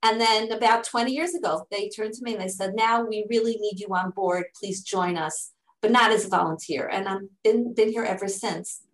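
A middle-aged woman, a native English speaker living in Israel and working as a charity fundraising director, explains her charity's work in an interview. Her answers are earnest and step-by-step, with frequent restarts. Her voice is medium-pitched at a moderate pace, and the recording is rough and reverberant.

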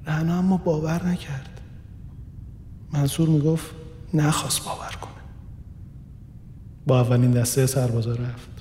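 A man narrating a first-person radio story in a quiet, reflective, measured way. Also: on the high side, steady tone, a little hiss or hum. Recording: reverberant room with soft background music.

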